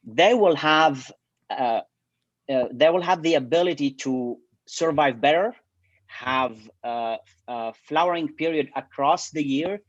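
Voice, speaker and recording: A man's voice: a little high, unhurried, no echo, muffled recording. A man from Syria, explaining his bee research in an interview with many hesitations and restarts. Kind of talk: interview answers.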